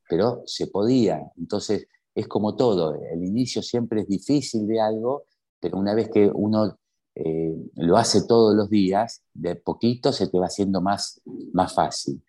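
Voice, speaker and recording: An Argentine man with a fairly low, mellow voice recounts his own story as a guest. He talks emphatically, throwing rhetorical questions at his listeners. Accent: Argentine Spanish. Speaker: interview guest. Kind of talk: personal storytelling.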